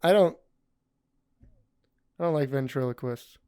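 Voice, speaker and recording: A man's voice: medium pitch, measured pace, dark tone, smooth. A man co-hosting a casual podcast, teasing and sarcastic, giggling often. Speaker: podcast co-host.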